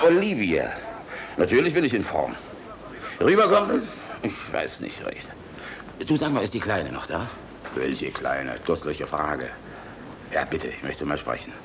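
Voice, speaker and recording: This older man plays a world-weary, fatherly army general in a German radio drama, gruff and blustery, philosophizing as he swings from barking to tenderness. His voice sits low and the acting is heavy, over slight background noise. He sounds casual and teasing.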